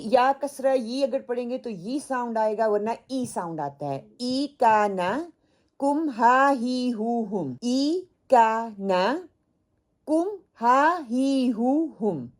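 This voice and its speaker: A woman leads a Quran translation class, slipping English phrases into her explanations. Her voice is mellow and of middle pitch, and she drills word lists slowly so students can repeat them. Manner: opens with prayers and blessings. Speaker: Quran teacher. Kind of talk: Urdu language lesson mixed with English.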